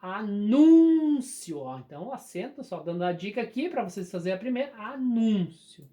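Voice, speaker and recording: With a mid-range, slightly mellow voice and big pitch swings, a Brazilian Portuguese-accented teacher patiently explains a recorded grammar lesson, drawing out the key words slowly.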